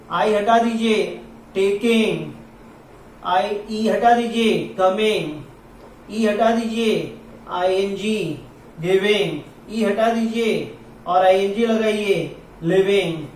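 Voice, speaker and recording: A man teaching at a slow, deliberate pace, spelling out words one letter at a time. His voice sounds echoey and distant, recorded from across a classroom, with faint room ambience behind him. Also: high-pitched, a little mellow, a little hiss or hum. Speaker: English teacher. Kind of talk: classroom lesson.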